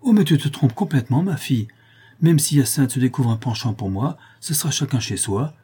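A man reading aloud, voicing an outspoken middle-aged peasant widow in a raised, husky voice. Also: medium pitch, lively intonation, brisk, mellow, pitched above the performer's own voice. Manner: outspoken, defiant.

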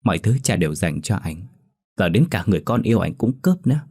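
A bitter, heartbroken young man who speaks through tears, voiced by a male narrator. The low, sobbing delivery carries resentment. It is a spoken storybook performance. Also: sing-song, quick pace, warm tone, breathy edge, full character voice. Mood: resentful. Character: grieving young son, bitter and tearful.

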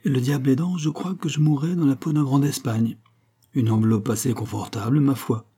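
A man's voice: mid-range voice, fairly even intonation, fairly quick, dark tone, breathy edge, voice pushed up. A man reading an audiobook, voicing a bold and sly young dandy adventurer with confident, ironic remarks. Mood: amused.

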